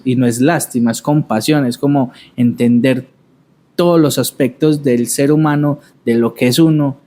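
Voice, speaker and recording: A man who hosts a podcast and talks reflectively, pausing and repeating words as he searches for them. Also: medium pitch, warm tone. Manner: thoughtful, halting, repeats words while searching. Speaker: podcast host. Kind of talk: reflective conversation.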